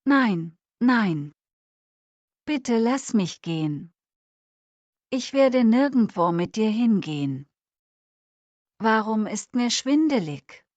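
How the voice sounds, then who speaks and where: A woman's voice: fairly high pitch, expressive, takes it slowly, pauses often, darkish tone, no room sound, muffled recording. A woman playing a frightened, dizzy young woman who begs to be let go, in a dramatized story for language learners. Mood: scared pleading. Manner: pleading and fearful.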